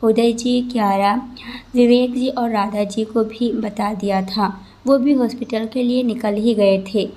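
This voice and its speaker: Mellow-voiced woman storyteller. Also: fairly high pitch, steady tone, measured pace. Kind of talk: scripted narration.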